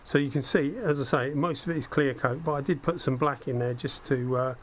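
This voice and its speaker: A hobbyist host demonstrates spray gun equipment in a medium-pitched, slightly croaky voice that sounds affected by a cold, speaking fairly quickly. He's conversational and thinks aloud as he works, dropping self-deprecating asides. A head-mounted action camera records him, picking up steady background noise from the workspace.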